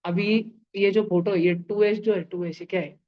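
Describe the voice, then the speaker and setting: A man's voice: high-pitched, steady tone, normal speed. Playful male chemistry teacher, lo-fi. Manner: playful, uses sound effects and homely analogies; keeps checking with students through questions. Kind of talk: live online class lecture.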